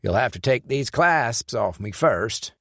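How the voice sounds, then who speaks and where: A man voicing a gruff Southern friend with a gravelly voice and a plain, blunt drawl, in an audiobook. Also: mid-range voice, expressive, measured pace, a bit bright, no echo, clean studio sound, voice pushed up, full character voice.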